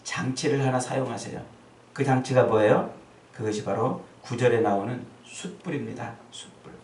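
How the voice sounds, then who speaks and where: A man preaching a sermon as pastor, acting out the quoted lines with sudden loud, high outbursts. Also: moderate pace, reverberant, far from the mic, low-quality recording. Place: church sanctuary.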